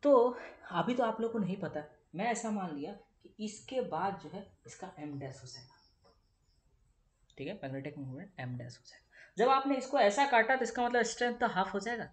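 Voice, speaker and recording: At a normal pace and in a voice that sits high, a young physics teacher talks through a lecture, tossing out questions and answering them on his students' behalf. The room has an echo.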